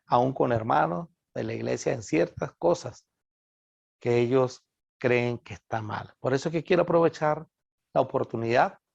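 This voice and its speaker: Gravelly pastor teaching. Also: male voice, medium pitch, darkish tone, no room sound. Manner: earnest, addresses listeners as brothers. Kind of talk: recorded Bible lesson. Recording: dull, dry lo-fi recording.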